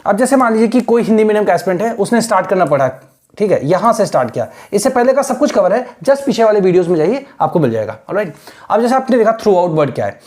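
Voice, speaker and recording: Patient teacher, lively mellow voice. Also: male voice, high voice. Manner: explains patiently, mixing Hindi and English, spells words out slowly. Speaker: English teacher for exam aspirants. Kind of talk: classroom lecture.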